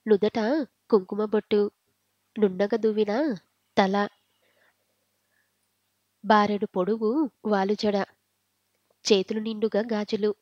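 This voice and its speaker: A woman's voice: medium pitch, darkish tone, no room sound, dull audio, natural voice. A woman voicing a scolding old grandmother. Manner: lecturing, scornful. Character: scolding old grandmother, proud and tradition-bound.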